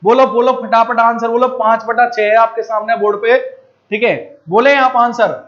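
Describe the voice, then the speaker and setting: A man with a strikingly high voice and a Rajasthani lilt runs a live math class, coaxing his students along. He keeps checking whether everyone has understood. The stream audio is dull and lo-fi. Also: little pitch movement, normal speed, fairly bright tone. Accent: Rajasthani Hindi. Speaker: math teacher.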